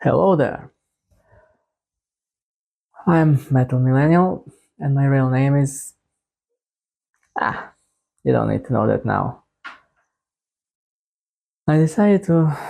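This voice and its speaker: A slow, husky man with a Bulgarian accent introduces his music channel in a casual to-camera YouTube monologue. His medium-pitched, warm voice comes out haltingly and hesitantly, with long breaks between phrases.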